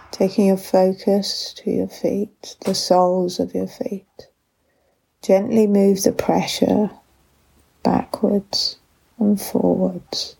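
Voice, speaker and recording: A woman with a soft, breathy, medium-pitched voice guides a body scan meditation with gentle, unhurried instructions and long pauses. The audio quality is poor.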